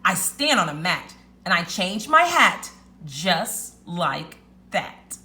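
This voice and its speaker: A woman voicing a clever, excitable little male rat in a storybook read-aloud, with an emphatic, chanting, exclamatory delivery. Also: on the low side, slow pace, exaggerated voice. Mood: chanting, proud.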